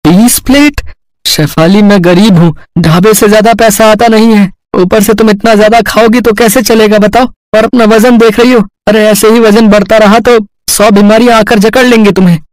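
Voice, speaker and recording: An actor voicing a poor young husband in a cartoon story who runs a small roadside eatery, anxious and pleading. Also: male voice, high-pitched, fairly even intonation, moderate pace, few pauses, no room sound, natural voice. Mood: exasperated. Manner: pleading, worried.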